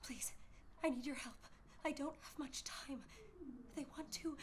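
A frightened young woman prisoner begs for help in a high, breathy whisper. Her voice sits well above the usual range and stays hushed and urgent, like a captive in a video game. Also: steady tone, measured pace, slight background noise.

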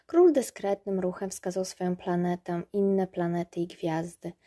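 A woman narrating a storybook aloud in a calm, measured way. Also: lowish voice. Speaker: reader. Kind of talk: audiobook narration.

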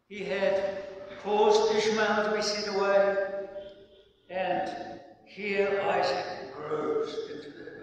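A man delivers a sermon with slow, emphatic phrasing and weighty pauses, his voice pitched high for a man. He sounds a little far from the mic in a large church hall, with a long ringing reverb and a faint hum of room ambience behind him. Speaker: preacher.

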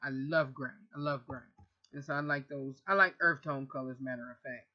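A woman in her thirties, a vlogger and radio host, answers viewer questions in a casual vlog from her bedroom, recorded on a close webcam. She is chatty and rambling, correcting herself as she goes. Her voice is extremely low and a little fast, and the audio sounds muffled.

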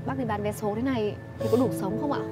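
A woman's voice: a little high, steady tone, quick pace, close to an everyday voice. A woman playing a kind young noodle shop owner who speaks politely and reassuringly. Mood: gentle. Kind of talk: web drama acting. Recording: background music.

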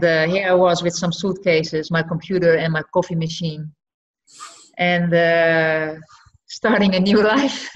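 A middle-aged Dutch woman, native Frisian speaker, talks over a video call from her living room. Her voice sits low, and the dull, lo-fi laptop audio muffles it. She pauses often and fills gaps while she thinks. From Friesland, Netherlands. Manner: hesitant, many fillers, thoughtful. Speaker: guest artist. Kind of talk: casual video-call interview.

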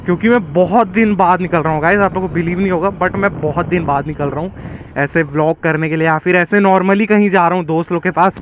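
A man's voice: sits high, quick pace, dull audio, a little hiss or hum. A young man from India with a Chhattisgarh Hindi accent, chatting casually to his viewers while riding a motorbike and walking down a street. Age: young adult. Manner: chatty, addresses viewers as guys. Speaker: vlogger. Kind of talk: casual vlog chat. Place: outdoors on a motorbike and in a residential street. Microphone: action camera on bike and handheld selfie camera.

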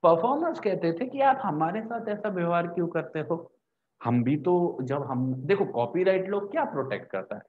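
This young adult law teacher from India has a high, animated voice and speaks at a normal speed. In a small indoor room with a whiteboard, he lectures to camera in Hindi with English terms, working step by step, repeating points and answering his own questions. His lapel mic gives phone-quality sound with a little hiss or hum.

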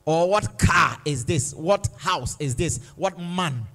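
Slow, emphatic male preacher. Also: a little high, expressive, fairly bright tone. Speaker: pastor. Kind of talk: sermon. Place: church.

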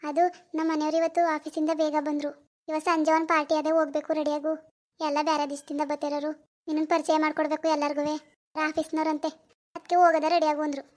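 A woman's voice: high voice, monotone, quick pace, lightly acted. Woman voicing a sulky young wife. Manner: soft, reluctant. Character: young married daughter, hesitant and sulky. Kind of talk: animated cartoon voice acting.

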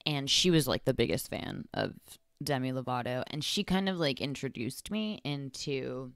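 A woman's voice: extremely low pitch, expressive, normal speed, no echo, clean studio sound. A young woman from Texas hosting a podcast, talking on her own in a rambling way, full of fillers and self-corrections. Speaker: podcast host. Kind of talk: casual solo podcast monologue.

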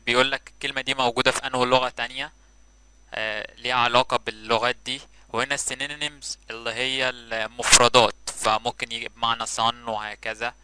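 A man with an Egyptian Arabic accent giving a casual, relaxed screen-recorded tutorial and explaining each step as he goes. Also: medium pitch, noisy background. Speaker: tutorial presenter.

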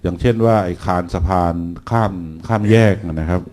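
Low, mellow-voiced male lecturer. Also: moderate pace. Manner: relaxed, many fillers, dry classroom jokes. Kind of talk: recorded engineering seminar lecture.

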